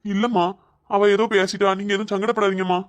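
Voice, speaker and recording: A woman voicing an exasperated grown son and husband in a family comedy skit, fast, scolding and fed up. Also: mid-range voice, steady tone, close to an everyday voice. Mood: soothing.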